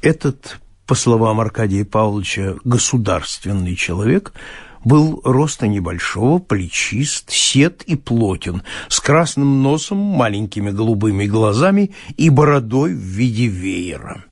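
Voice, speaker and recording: A man reading a classic story aloud as an audiobook narrator, expressive and theatrical. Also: on the low side, measured pace, no room sound, studio quality. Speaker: audiobook reader.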